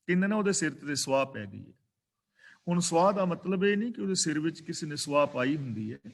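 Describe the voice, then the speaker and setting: A man teaching a scripture class, explaining verses in a measured way, slowing down to recite them and to spell out how they are pronounced. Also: a little high. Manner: explains pronunciation of scripture carefully. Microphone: online video meeting.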